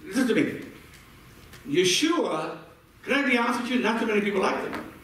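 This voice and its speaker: A pastor preaches a sermon to his congregation in a church sanctuary, his high, expressive voice moving fairly quickly over crowd noise. He repeats words as he builds each point and calls for responses. The recording is echoey and taken from far off in the sanctuary.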